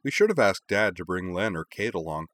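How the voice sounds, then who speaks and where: A man's voice: sits low, animated, brisk, fairly bright tone. A man voicing a curious, bold five-year-old boy in a read-aloud story.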